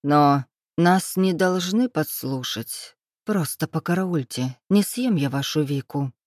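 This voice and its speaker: A woman's voice: low-pitched, lively intonation, takes it slowly, darkish tone, no echo, clean studio sound, full character voice. A woman reading the lines of a stern, scheming middle-aged club owner in an audiobook, with a cool, mocking, weary manner. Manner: mocking, weary, coolly menacing.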